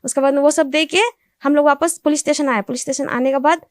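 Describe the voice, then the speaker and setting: A young woman tells her account in simple, repetitive Hindi, her voice set high. She grows agitated and insistent. The sound is dry and close. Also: steady tone, quick pace, no echo. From Assam. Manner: speaks Hindi with non-standard grammar, repeats "ऐसे बोला". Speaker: complainant interviewed. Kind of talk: recounting events to reporters.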